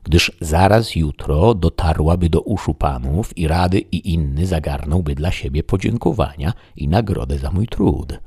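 A man reading as a lofty old knight-errant, deep and husky. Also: lively intonation, normal speed, few pauses, warm tone, dry recording, clean studio sound, exaggerated voice. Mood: solemn. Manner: solemn, lofty declaiming. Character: elderly deluded knight-errant, grandly earnest. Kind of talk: audiobook reading.

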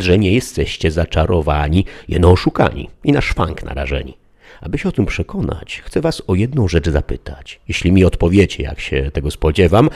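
A man's voice: very deep voice, a little mellow, full character voice. A man reading the part of a simple, loyal squire who pleads with his master in wordy, old-fashioned speech. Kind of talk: audiobook character reading.

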